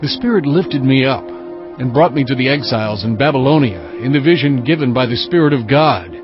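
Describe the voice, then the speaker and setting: A man's voice: mid-range voice, animated, close to an everyday voice. Man playing solemn prophet Ezekiel, slightly muffled. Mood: solemn, awed. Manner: solemn, measured, earnest. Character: obedient male Hebrew prophet recounting his visions. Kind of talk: dramatized scripture narration. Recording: muffled sound with music behind. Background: cinematic music.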